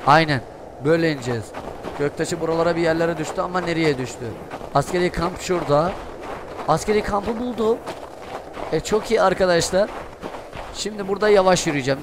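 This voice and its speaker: A young man doing Let's Play commentary, excitable, cursing and shouting at the game. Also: on the high side, fast. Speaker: gaming streamer. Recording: noisy gameplay audio behind voice. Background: game sounds and ambience.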